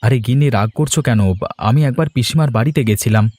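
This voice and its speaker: A man's voice: medium pitch, a little fast, darkish tone, dry recording. A man voicing a husband and nephew in a Bengali cartoon, speaking in an earnest, plain way.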